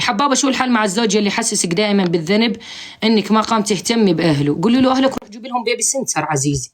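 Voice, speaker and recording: A woman hosting a live stream, giving comic advice in a blunt, teasing, joking-scolding way over a phone mic. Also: medium pitch.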